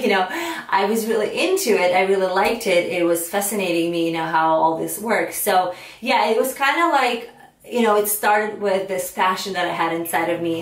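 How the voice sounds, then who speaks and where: A woman's voice: medium pitch, far from the mic. Ukrainian-accented woman in an echoey room. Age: 30s. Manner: chatty, many fillers and restarts. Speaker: makeup artist vlogger. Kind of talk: casual chat to camera. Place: home studio room, indoors. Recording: roomy echo, voice a bit off-mic.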